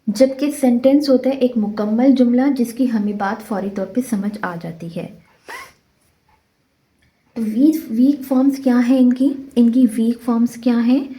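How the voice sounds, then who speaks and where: A woman teacher from Pakistan with a Pakistani accent, explaining an English textbook lesson and reading phrases slowly before going over them at length. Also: on the high side, dark tone, low-quality recording.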